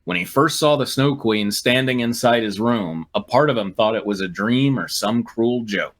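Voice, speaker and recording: On a fan fiction riffing show, a man hosts and reads a story aloud, breaking off for sarcastic, irreverent asides. His voice is medium-pitched, at a normal speed.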